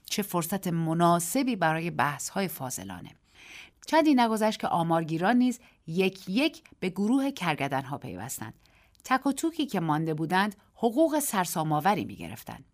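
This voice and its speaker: A woman narrating a short story on a radio program in a measured, expressive way. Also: on the low side.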